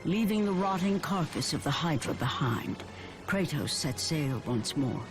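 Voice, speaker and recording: A woman playing a solemn, aged storyteller, narrating an ancient myth for a video game in measured phrases. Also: low voice, lively intonation. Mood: solemn, foreboding. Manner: solemn, measured epic delivery. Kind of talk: scripted dramatic game narration. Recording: music under the narration.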